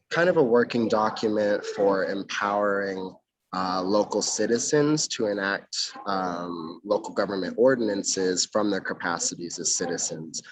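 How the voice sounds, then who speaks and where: A man's voice: sits low, rough recording. A young man from North Carolina, a mayoral candidate, answering interview questions formally over a video call from outdoors, with frequent ums. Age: young adult.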